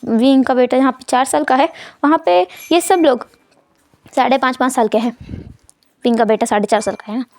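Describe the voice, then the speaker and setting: A woman retells a fan fiction story in a lively way, with a high voice. The recording is dry and close, with no room sound. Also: fairly quick, no echo.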